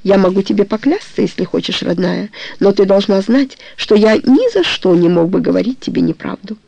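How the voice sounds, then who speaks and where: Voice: mid-range voice, lively intonation, brisk, vocal fry, mellow, no echo. A reader voicing a young man in love who turns jealous and furious, speaking harshly and accusingly. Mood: tender. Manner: pleading, then harsh and accusing. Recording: dull lo-fi recording.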